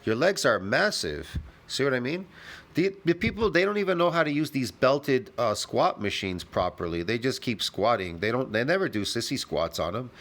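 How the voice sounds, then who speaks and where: A man talking in a brash, argumentative way, swearing freely as he reacts to a clip. His voice sits at a middle pitch but swings up and down a lot as he pushes back. It is blunt, casual commentary. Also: big pitch swings, moderate pace, a bit bright.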